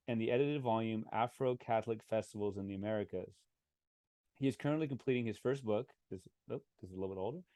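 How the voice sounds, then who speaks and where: A man's voice: on the low side, warm tone, no room sound. A man hosting a podcast, introducing his guest with chatty self-corrections and joking asides. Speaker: podcast host. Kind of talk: casual interview.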